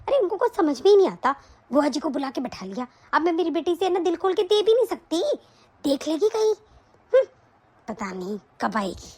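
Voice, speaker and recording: A woman voicing a vain, scheming middle-aged mother-in-law in an animated story, grumbling and muttering to herself. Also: very high-pitched, fairly quick, pitched below the performer's own voice. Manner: grumbling, muttering, self-pleased.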